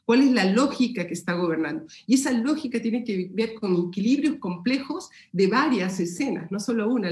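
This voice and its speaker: A Peruvian sociology lecturer answers seminar questions in Spanish with a Peruvian accent, her voice mid-range and darkish in a reverberant space. Her reply is thoughtful and academic, full of fillers and restarts.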